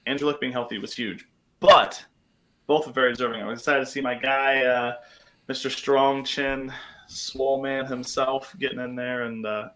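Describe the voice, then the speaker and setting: A man co-hosting a sports podcast, talking in a chatty, excitable way with many fillers. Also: medium pitch, low-quality recording. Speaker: podcast co-host. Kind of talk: casual sports chat.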